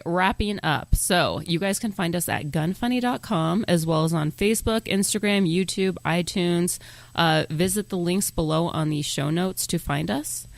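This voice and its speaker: Brash, gravelly woman podcast co-host. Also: lowish voice, dry recording. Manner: brash, joking, gives show plugs. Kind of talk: casual podcast chat.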